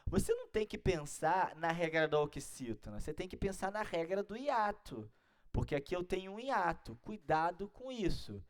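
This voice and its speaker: A man with a Brazilian Portuguese accent teaches an exam-prep grammar lesson in a didactic style, going step by step and checking in with students often. His voice is high and sing-song, at a moderate pace.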